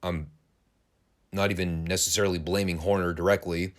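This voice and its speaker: A man's voice: low voice, flat delivery, moderate pace. A man hosting a wrestling podcast, giving a casual, sarcastic and crude play-by-play review of an old broadcast. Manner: sarcastic, crude, dry humor.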